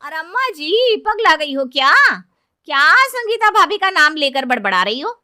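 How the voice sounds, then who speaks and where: A woman's voice: high voice, big pitch swings, moderate pace, bright, forceful tone, voice pushed up, exaggerated voice. Woman doing a gossipy nosy housemaid. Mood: mocking. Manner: gossipy, mocking.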